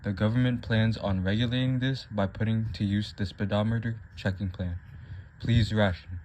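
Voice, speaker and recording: A man acting as a solemn male 1940s wartime announcer. His voice is low, the reading formal and scripted, over clear background noise. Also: fairly even intonation, normal speed, darkish tone, lightly acted. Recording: clearly noisy recording with clicks.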